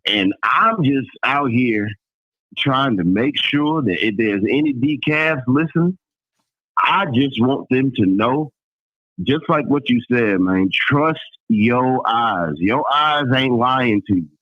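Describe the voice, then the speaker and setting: A man's voice: medium pitch, expressive, slow, no echo. A man calls in over a thin, tinny line with no room sound. He speaks in a drawl, casual and opinionated, hammering his points through repetition, slang and cursing. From Alabama, United States. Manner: emphatic, repetitive, heavy slang and swearing. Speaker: caller. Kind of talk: casual opinionated phone-in rant. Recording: tinny phone-line audio, radio-like.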